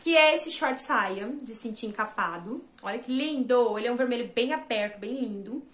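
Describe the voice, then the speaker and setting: A chatty woman in her thirties from Brazil, talking through a clothing haul in a fairly high voice. She sounds lively and friendly, recorded on a camera close by in a small bright room at home. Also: normal speed. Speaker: fashion vlogger. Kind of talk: casual shopping haul chat. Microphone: camera at a short distance, then phone held at a mirror.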